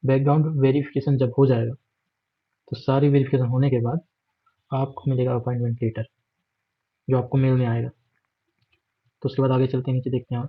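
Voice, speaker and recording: Speaking in a husky, mid-range voice with flat delivery, an Indian-accented man goes through a job notification on screen for an exam guide. He explains steadily, a little fast but with long pauses, using fillers and mixing in English words. The audio is dull and lo-fi.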